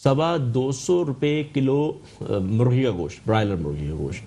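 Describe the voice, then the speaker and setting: A man's voice: medium pitch, dark tone. A man who is a guest on a political talk show, arguing his side insistently and often cutting back in to hold the floor. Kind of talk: argumentative political debate.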